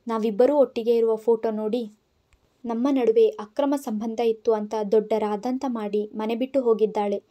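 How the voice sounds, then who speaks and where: A woman's voice: a little high, fairly even intonation, moderate pace, lo-fi sound, natural voice. A woman voicing a sly husband faking remorse. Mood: aggrieved.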